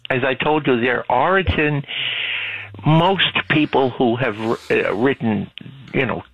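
Male phone-in guest: husky, knowledgeable explainer over a thin, phone-filtered line. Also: medium pitch, a little slow, no echo, lo-fi sound. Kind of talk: casual talk-radio conversation.

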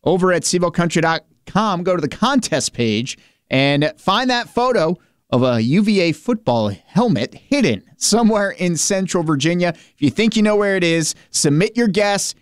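A man hosts country radio with a high, smooth voice. He delivers an upbeat contest promo in a dry, close studio sound. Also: no echo.

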